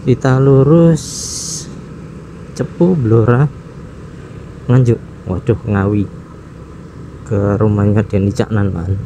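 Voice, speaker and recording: On a motorcycle in city traffic, a man with a fairly low, evenly intoned voice narrates his motovlog in lo-fi sound. He wonders aloud where to go in an unhurried, chuckling way, with street traffic and engine noise behind his words.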